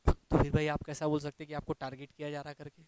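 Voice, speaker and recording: A man teaching English for an exam, with an Indian accent, reading English sentences slowly, then explaining them in Hindi and asking rhetorical questions. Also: a little high, monotone, noisy background. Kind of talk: classroom lecture.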